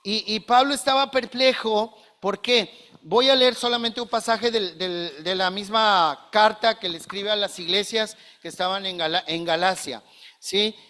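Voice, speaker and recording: Pastor, male, bright forceful tone, earnest preaching style. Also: sits high, measured pace. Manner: earnest, questioning, addresses listeners as brothers. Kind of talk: sermon.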